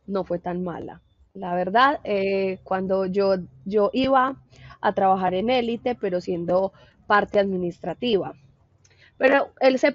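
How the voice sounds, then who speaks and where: A woman tells her story in a calm, matter-of-fact tone. The recording is dry and a little muffled, with the top end dulled. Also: mid-range voice, dry recording. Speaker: webcam studio worker guest. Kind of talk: casual storytelling.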